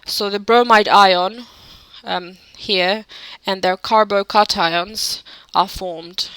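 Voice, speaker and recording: A woman's voice: mid-range voice, steady tone, slow pace, a bit bright, clear, resonant tone, no echo, rough recording. A woman narrating a chemistry lesson over slides, hesitant, with many "um" fillers and self-corrections. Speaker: chemistry tutor.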